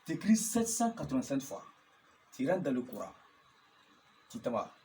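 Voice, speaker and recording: A man's voice: medium pitch, very animated, moderate pace, warm tone, a little hiss or hum. A man, teaching geomancy as a marabout, chanting formulas over and over and often asking if listeners follow. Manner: often checks understanding with questions. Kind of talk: instructional talk.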